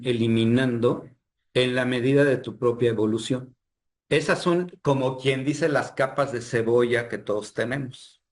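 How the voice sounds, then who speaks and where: Earnest Mexican man recounting a vision. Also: medium pitch. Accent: Mexican Spanish. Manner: earnest, re-enacts dialogue in his telling. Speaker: healer and spiritual guide, guest. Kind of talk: storytelling interview.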